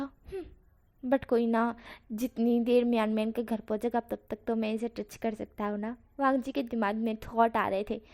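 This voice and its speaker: A woman with a high voice narrates a fan fiction story. She tells it casually and conversationally, correcting herself as she goes. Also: a little mellow.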